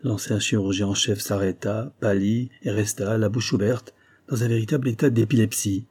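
A man narrating a classic short story in a measured, steady audiobook reading. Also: on the low side, breathy edge.

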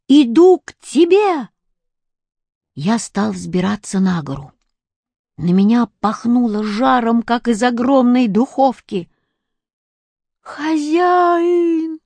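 A woman reading a children's story aloud in first person, in slow careful storytelling. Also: medium pitch, dark tone, no echo. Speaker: audiobook reader.

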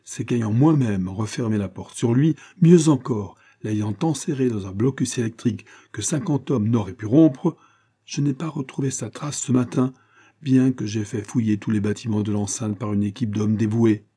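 A man's voice: lowish voice, level tone, moderate pace, few pauses, mellow, close to an everyday voice. A man voicing an agitated engineer in an audiobook, speaking in a guttural, heated way. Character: agitated male engineer, gruff and furious.

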